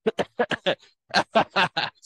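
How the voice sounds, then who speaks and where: Slow, patient male Arabic teacher. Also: pushed and bright, dry recording, studio quality. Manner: patient, repeats each word several times. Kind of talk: classroom language lesson. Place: mosque classroom.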